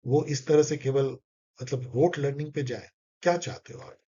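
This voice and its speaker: A man's voice: medium pitch, darkish tone. A man explaining exam questions as a tutor, in a conversational, coaxing way, often repeating key phrases and reading English lines with an Indian accent. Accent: Indian English in Hindi talk. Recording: slightly dull lo-fi recording.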